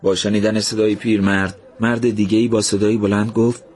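A man narrating a story in a slow, measured, somber reading. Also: on the low side, level tone, a little mellow, husky.

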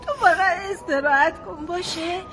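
A woman's voice: very high-pitched, background noise. An actress playing a woman who comforts an injured girl with tender words while holding back tears. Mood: soothing. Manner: soothing, tearful, endearing.

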